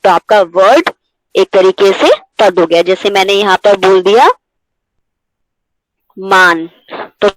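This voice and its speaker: A woman's voice: mid-range voice, no room sound, poor audio. A woman teaching a Hindi grammar class online, explaining step by step and asking her students questions, slipping English words into her speech.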